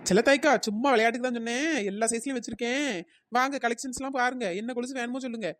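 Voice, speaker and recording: High quick-talking cheeky village girl , a woman voicing her, teasing, dry close sound. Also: fairly even intonation, fairly bright tone, dry recording, close to an everyday voice. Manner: teasing, wisecracking, melodramatic wailing when scared. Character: young village girl bangle-anklet seller, cheeky. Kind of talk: cartoon voice acting.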